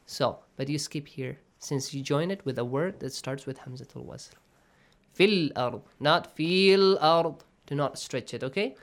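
A teacher giving a recitation lesson, checking in often with "okay?" and "right?" and drawing out sounds slowly to demonstrate them. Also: medium pitch. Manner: slow, drawn-out demonstrations of pronunciation. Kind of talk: tajweed lesson to students.

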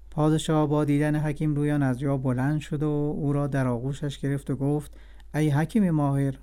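Brief: male storyteller, slightly high, mellow tone, steady read-aloud fairy-tale narration. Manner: steady, clear storybook telling. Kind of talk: scripted narration.

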